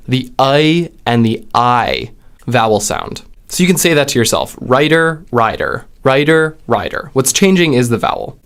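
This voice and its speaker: A man giving an explanatory lesson on speech sounds. He speaks deliberately and draws out example words and vowels to demonstrate them. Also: mid-range voice. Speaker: linguistics video host.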